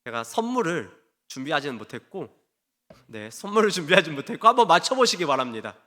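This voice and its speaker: Lively bright-voiced pastor in a reverberant church. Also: male voice, a little high, fairly quick. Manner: animated, chatty, acts out quoted lines. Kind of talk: Wednesday evening sermon with audience quiz. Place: church sanctuary. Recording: long church hall reverb.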